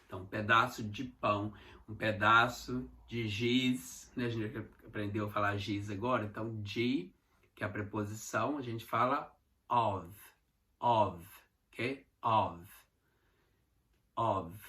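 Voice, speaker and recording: A man from Minas Gerais with a Mineiro Brazilian accent, teaching English words in an online lesson and repeating each one slowly for pronunciation practice. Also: fairly low pitch, pushed and bright. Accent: Mineiro Brazilian Portuguese. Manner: slow, repeated pronunciation drills with frequent "tá?" check-ins.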